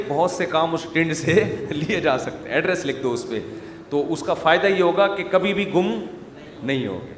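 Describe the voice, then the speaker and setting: A man with a Pakistani Urdu accent giving a humorous sermon, teasing the audience with joking asides. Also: high-pitched. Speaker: Islamic preacher. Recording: echoey hall with faint noise.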